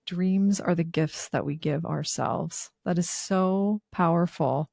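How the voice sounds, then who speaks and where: Woman host, lowish voice, dry close sound, gushing and supportive. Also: slow, vocal fry, warm tone, no echo. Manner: effusive, encouraging. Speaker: podcast host. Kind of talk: interview chat.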